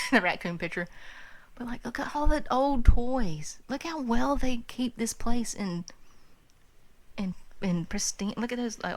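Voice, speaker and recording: A woman vlogging a walk through a historic house museum, gushing and excited, filling her talk with "like" and "oh my God," hot and sweaty from the day. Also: on the high side, low-quality recording. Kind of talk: walking tour vlog.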